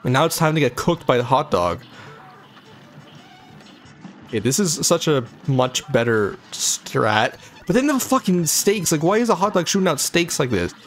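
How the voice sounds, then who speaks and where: Big pitch swings mark this slightly high male voice, which moves at a moderate pace with faint music behind it. A young let's-play channel host, he swears nonstop and rambles jokes at a boss while playing into a desk mic.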